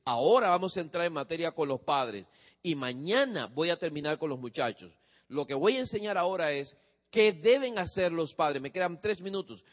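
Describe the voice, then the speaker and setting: A man's voice: a little high, lively intonation, normal speed, in a large hall. A man giving a lecture on parenting to a live audience, often asking his listeners questions. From from a different country than his audience. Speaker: speaker on parenting teens.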